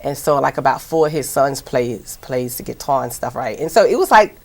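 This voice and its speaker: A woman with a Southern accent talks in a very deep register with a gravelly edge. She chats casually as a guest, circling back on herself with lots of "you know" and "um.". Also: expressive, brisk, a little mellow. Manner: chatty, rambling, many fillers. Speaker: TV host and producer, guest. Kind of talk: casual interview chat.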